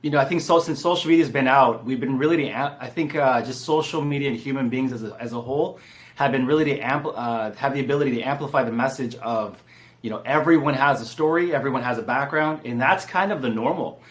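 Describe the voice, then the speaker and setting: On a podcast, a real estate entrepreneur from San Diego, California tells his story informally and warmly. His voice sits in the mid range, and he talks quickly.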